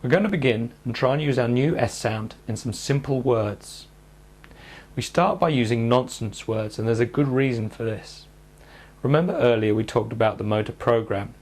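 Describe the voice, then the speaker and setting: A man calmly guiding listeners through speech therapy exercises in a measured instructional narration. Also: medium pitch. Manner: calm, measured, step-by-step coaching.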